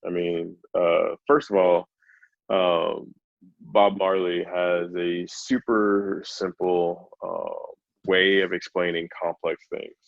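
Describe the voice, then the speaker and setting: Low gravelly man, laid-back podcast host. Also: flat delivery, takes it slowly, dry recording, muffled recording. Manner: laid-back, chatty, laughs easily. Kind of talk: casual podcast chat.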